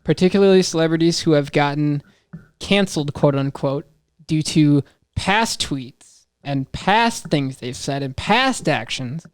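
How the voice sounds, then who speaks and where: A man's voice: on the high side, expressive, a little slow, smooth, no echo, studio quality. A nineteen-year-old man from Wisconsin, a podcast guest who thinks aloud in a casual, rambling way with trailing asides.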